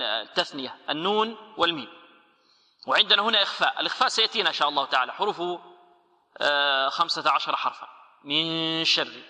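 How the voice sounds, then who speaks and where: A man teaching tajweed, posing rhetorical questions and answering them himself, and slowing into chanted recitation for examples. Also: a little high, bright, forceful tone, in a large hall. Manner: explains by asking rhetorical questions, then answering.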